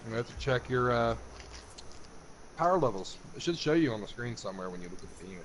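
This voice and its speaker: Mid-pitched man bantering over a game. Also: lively intonation, fast, slight background noise, low-quality recording. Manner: blunt, joking, swears freely. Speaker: co-player. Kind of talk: casual gameplay chat.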